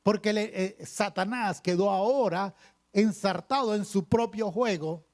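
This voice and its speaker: A male pastor preaching a sermon, reading scripture aloud and pausing for emphasis with repeated phrases. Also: high voice. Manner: preaching with dramatic pauses and repetition.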